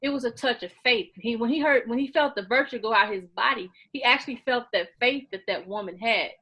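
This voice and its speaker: This woman, in her late forties and loud by nature, is a guest in a casual interview, earnest and a bit preachy as she repeats her points. Her voice is a little high with a breathy edge, she speaks a little fast, and the audio is poor.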